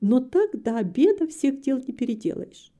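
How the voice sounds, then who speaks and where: A woman's voice: sits high, big pitch swings, moderate pace, mellow, pitched above the performer's own voice. A woman reading a storybook aloud, voicing a flustered, overworked middle-aged housekeeper who frets and complains. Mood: fretful. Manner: fretful, complaining, sighing.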